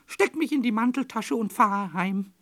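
A woman's voice: a little high, moderate pace, lightly acted. A woman voicing a mischievous little male goblin in a radio play, teasing and stammering. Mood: sulky. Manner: teasing, stammering when upset.

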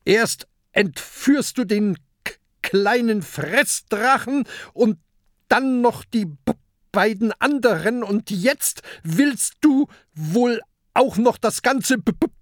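Narrator doing a tiny stammering pirate boy, high and squeaky, storybook audiobook. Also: animated, slow, no echo, clean studio sound. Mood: furious. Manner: stutters on first sounds. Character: small anxious boy pirate who stutters.

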